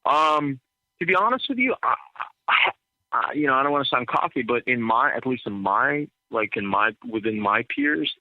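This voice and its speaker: A man's voice: mid-range voice, animated, moderate pace, no echo. A man, a DJ and entrepreneur, talking casually as a podcast guest, rambling with many fillers and repeated words. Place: in Atlanta. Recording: thin phone-like sound.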